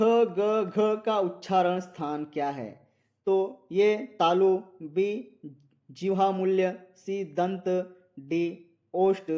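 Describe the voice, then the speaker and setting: A man's voice: high voice, dark tone. A man teaching Hindi exam questions, reading out the options and repeating each answer, drawing out letter sounds. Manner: reads options aloud, repeats answers, asks viewers to comment.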